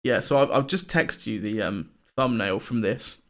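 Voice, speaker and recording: A man's voice: fairly low pitch, moderate pace. A young man co-hosting a casual podcast, laughing often and swearing as he reads out odd news stories. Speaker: podcast co-host.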